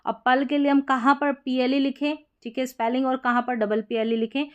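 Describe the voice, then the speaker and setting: A woman's voice: sits high, little pitch movement, fairly quick, smooth, highs cut off. A woman teaching English spelling rules, patient and explaining step by step with many examples. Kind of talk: spoken spelling lesson.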